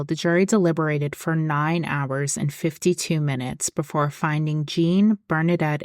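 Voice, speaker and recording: A woman hosting a podcast, reading a scripted true-crime narration in a measured, explanatory way. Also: deep voice, a little mellow, no echo, studio quality. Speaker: podcast host.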